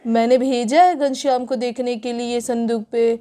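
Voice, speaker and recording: A woman's voice: a little high, fairly even intonation, moderate pace, dark tone, pitched below the performer's own voice, natural voice. A woman doing a fussy old mother-in-law. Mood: worried. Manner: complaining, fussy. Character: stern older mother-in-law who scolds her daughter-in-law. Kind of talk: doll story voice acting.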